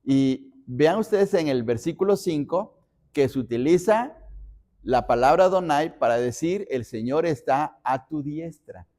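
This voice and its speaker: A man's voice: a little high, animated, unhurried, warm tone. A man from Mexico, a pastor teaching a Bible study, explaining word by word and repeating phrases as he reads references.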